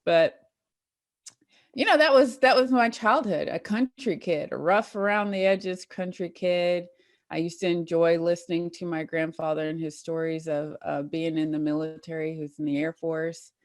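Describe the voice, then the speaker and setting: A soft-spoken woman from Tennessee, a small business owner, talking about her life in a relaxed way as an interview guest. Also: on the low side, normal speed, no echo, clean studio sound. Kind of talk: casual interview chat.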